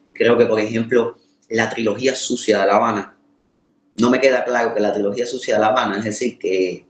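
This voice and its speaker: A man from the Caribbean with a Caribbean Spanish accent gives an informal lecture, pausing to search for words and repeating phrases for emphasis. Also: on the low side. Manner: emphatic repetition for rhetorical effect, halting word searches. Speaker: course lecturer. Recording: roomy, echoing sound.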